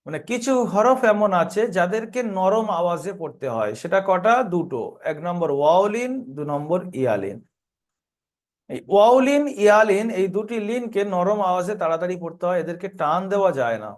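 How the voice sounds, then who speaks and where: A man teaching an online Quran reading lesson in a Kolkata Bengali accent, patiently spelling out letter sounds. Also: high voice. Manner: patient, slow when drilling letter sounds.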